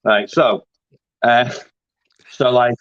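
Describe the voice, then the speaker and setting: A man's voice: mid-range voice, fairly even intonation, extremely slow, dry recording. A man, chatting casually in an interview about his grappling, rambling with lots of fillers and restarts. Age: 30s. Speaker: grappling competitor. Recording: dry, dull lo-fi audio.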